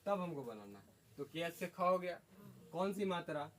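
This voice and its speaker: A man's voice: fairly high pitch, very animated, moderate pace, a bit bright. A man teaching a class, asking the students questions and repeating their answers. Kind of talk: classroom lesson. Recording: faint background noise.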